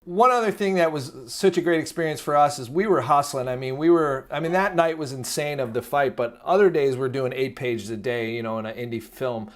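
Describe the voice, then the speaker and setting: A man interviewing casually, telling anecdotes in an animated, chatty way. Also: mid-range voice, a little fast, hardly any pauses. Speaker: interviewer, filmmaker.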